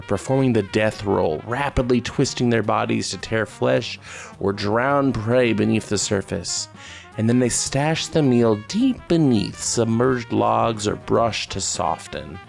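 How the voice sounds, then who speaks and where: A man reading scripted narration as game master, in a measured, dramatic storytelling manner with sudden leaps in pitch. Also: vocal fry.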